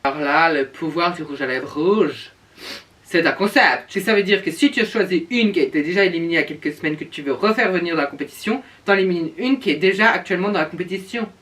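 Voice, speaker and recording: Talking at a quick pace, a reviewer with a medium-pitched, slightly bright voice casually reacts to show looks. Sassy, campy drag-queen energy and drawn-out emphasized words come through a distant microphone.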